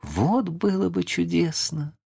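A high, breathless storybook girl, as a man reading aloud puts her on, kind and a little prim. She gushes and gasps with wonder, her voice swooping widely. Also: very animated, slow pace, vocal fry, darkish tone, slightly rough, heavily acted. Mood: enchanted. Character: kind, motherly young girl, easily enchanted.

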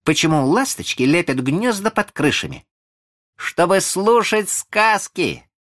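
A man reading a storybook aloud and voicing an eager, cunning young boy who never grows up, talking in an excited, coaxing way. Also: high voice, measured pace, voice pushed up.

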